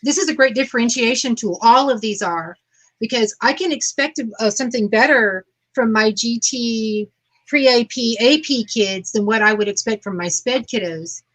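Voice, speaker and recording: A woman's voice: on the high side, moderate pace, a bit bright, poor audio. A woman teacher adding points agreeably on a conference panel, with some fillers.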